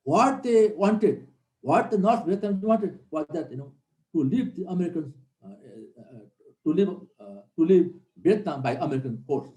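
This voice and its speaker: Here a middle-aged military instructor from Nepal teaches with earnest repetition of his main points. His pitch sits fairly high, his tone is warm and expressive, and his pace is moderate, with a roomy echo around him.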